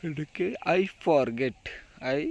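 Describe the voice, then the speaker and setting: Very slow man teaching English phrases. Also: a little high, darkish tone, muffled recording. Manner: says each phrase twice, slow and deliberate. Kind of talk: slow, repeated vocabulary drill.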